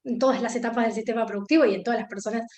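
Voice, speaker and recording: A woman's voice: on the high side, fairly even intonation, very fast, darkish tone, reverberant. A woman with an Argentine Spanish accent giving a class lecture, thinking aloud with many fillers and restarts.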